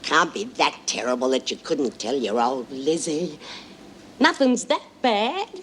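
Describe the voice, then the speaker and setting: A blunt, motherly old woman prisoner with a rich Australian accent. She talks slowly, with her voice rising and falling a great deal. It is an older TV drama recording with a faint hiss under it. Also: low voice, very animated. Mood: coaxing. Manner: homely, comforting, salty slang. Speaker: prison inmate. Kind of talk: 1970s TV drama acting.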